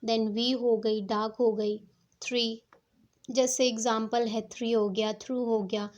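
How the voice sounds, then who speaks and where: A woman's voice: a little high, flat delivery, a little slow, darkish tone, dull audio. A woman teaching shorthand strokes step by step, patiently checking that her students follow. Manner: patient, repeats "ठीक है" to check understanding. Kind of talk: step-by-step classroom explanation.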